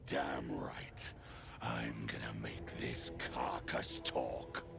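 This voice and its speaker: Gravelly, sly, very deep hobgoblin. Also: male voice, full character voice. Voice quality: gravelly, growling. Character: gravelly, sly, brutish male hobgoblin zealot. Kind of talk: fantasy video game acting.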